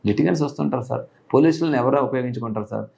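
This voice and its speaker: A middle-aged man, a police officer, talking earnestly in an interview and rising high in pitch when he stresses a point. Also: very fast, creaky, darkish tone, dull audio. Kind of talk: casual interview talk.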